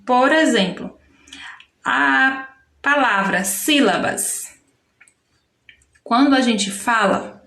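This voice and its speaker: A woman teaching a children's workbook lesson with Brazilian Portuguese speech, patiently slowing down to spell out syllables. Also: fairly high pitch, animated, gravelly, bright, forceful tone. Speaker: primary school teacher. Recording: echoey room.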